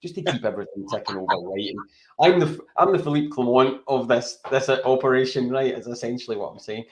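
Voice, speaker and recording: A Scottish man co-hosts a football podcast, chatting casually and rambling, often ending his points with "right?". His voice sits at a medium pitch and he talks fast over a noisy background.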